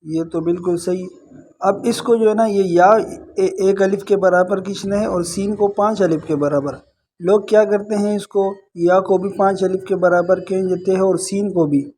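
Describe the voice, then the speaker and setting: A male Quran teacher, moving between brisk explanation and slow, drawn-out recitation. His voice sits high and stays level in pitch. He points out errors plainly and then chants each verse carefully. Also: fairly even intonation, dark tone, breathy edge. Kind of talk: tajweed lesson with recited examples.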